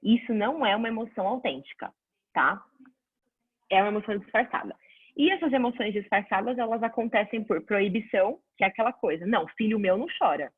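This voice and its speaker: A woman's voice: medium pitch, fairly quick, slightly rough, dry recording. Woman teaching over a tinny line. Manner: conversational, answers viewer questions, lively examples. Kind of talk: casual online class. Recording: dry phone-like audio.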